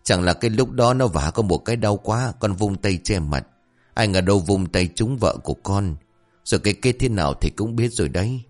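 Hurting young husband, meek and whiny guy voicing him, deep. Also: expressive, fairly quick, darkish tone, soft background music. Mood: pained. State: in pain.

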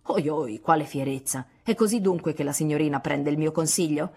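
A woman's voice: low-pitched, brisk, darkish tone, slightly rough. A woman voicing a domineering, scornful old aunt who lectures and scolds in an audiobook. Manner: imperious, scolding, sarcastic. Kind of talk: audiobook dialogue reading.

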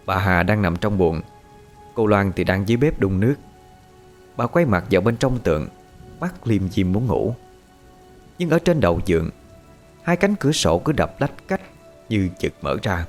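Low-voiced man telling a horror story. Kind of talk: scripted horror story narration. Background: faint music.

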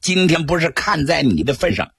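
A man voicing a haughty male court eunuch who bellows at a general in a husky, raised voice. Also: on the high side, sing-song, brisk, no room sound, clean studio sound, heavily acted. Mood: indignant. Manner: blustering, shouting.

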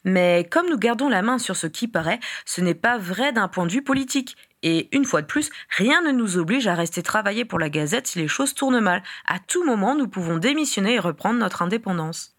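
Lee is an earnest, worn-out male wizard journalist, read aloud by a woman in her own mid-pitched voice. He explains things patiently and steadily, like someone tired of chasing money. The storybook reading keeps it plain and even. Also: fairly quick, few pauses, close to an everyday voice.

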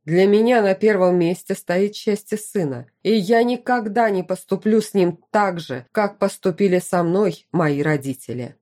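A woman's voice: medium pitch, moderate pace, hardly any pauses, mellow, pitched above the performer's own voice, lightly acted. A woman voicing a stern, commanding middle-aged duke and father in an audiobook. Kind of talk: audiobook character reading.

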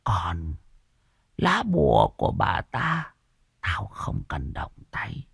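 A man's voice: deep voice, huge pitch swings, takes it slowly, vocal fry, fairly bright tone, slightly rough, no room sound, clean studio sound, full character voice. A man voicing a vengeful, scheming old village woman who hisses and drops into whispers in an audio storybook. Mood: cold, whispering. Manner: bitter, hissing, swings into whispers.

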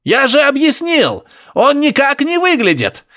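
An agitated professor shouts in a high, strained voice, put on by a man reading an audiobook. His pitch leaps around as he grunts and drags out his warnings. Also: huge pitch swings, unhurried, exaggerated voice. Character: excitable male professor over a crackling radio.

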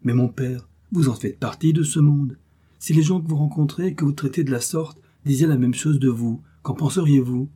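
A playful young noblewoman in an audiobook, coaxing and gently mocking, her voice lifted higher and brighter than the reader's own, as a male narrator puts her on. The tone stays slightly husky with a soft, dark edge. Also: moderate pace. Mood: teasing. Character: lively young woman, teasing and affectionate.

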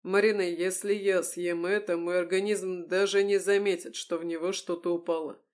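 A hulking, cynical kitchen brute, as a woman reads him aloud, growling his words loudly and scoffing. He sounds like a barbarian cook in an audiobook, blunt and mocking. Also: lowish voice, little pitch movement, moderate pace, lightly acted. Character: burly gruff male cook, cynical and mocking.

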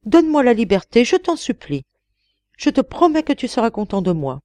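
A woman's voice: mid-range voice, big pitch swings, normal speed, mellow, dry recording, natural voice. Woman doing a proud, pleading male genie.

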